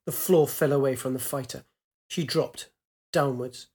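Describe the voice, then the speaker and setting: A man reading a science fiction story aloud in a measured, dramatic way. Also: mid-range voice, a little mellow, slightly rough. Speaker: narrator.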